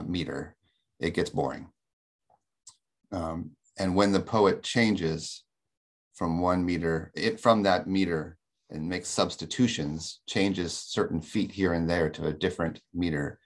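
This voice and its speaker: Deep, gravelly-voiced man lecturing. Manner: measured, thoughtful explaining with frequent ums. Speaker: webinar presenter. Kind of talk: academic lecture. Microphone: video call.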